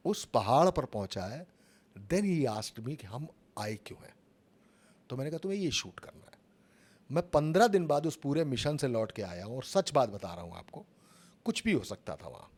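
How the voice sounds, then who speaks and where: A man's voice: mid-range voice, big pitch swings, normal speed, darkish tone. A middle-aged man, a journalist and author, telling his stories with dramatic emphasis in an interview. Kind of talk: storytelling interview talk.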